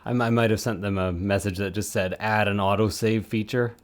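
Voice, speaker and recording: A man's voice: fairly low pitch, steady tone, a little fast. A man chatting casually on a live stream while he works, rambling with self-mocking asides. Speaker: streamer supporting 3D print models.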